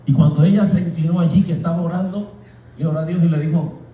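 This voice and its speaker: A male pastor preaching a sermon, shouting at peaks and dropping into casual asides. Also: a little high, fairly even intonation, fast talker. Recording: echoey room, voice from far off.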